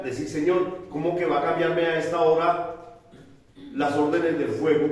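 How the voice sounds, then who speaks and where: A man's voice: high-pitched, darkish tone. A man preaching a sermon in a plain, conversational way, asking questions and answering them himself. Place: church hall. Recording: very echoey room, voice from a distance.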